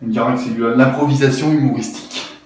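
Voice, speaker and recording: A man joking and swearing loudly as he struggles through a chaotic do-it-yourself repair video, muttering one moment and yelling the next. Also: mid-range voice, steady tone, a little fast, recorded from a distance. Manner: swearing, frustrated, joking, swinging between mutters and yells. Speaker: YouTuber. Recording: very echoey room, faint noise.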